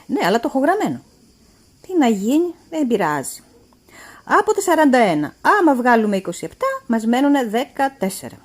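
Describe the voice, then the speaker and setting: Lady doing a bossy stingy boss man, loud and preachy, voice jumping all over. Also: a little high, sing-song. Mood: lecturing. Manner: loud, pointed, lecturing. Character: stingy, mocking male employer, middle-aged.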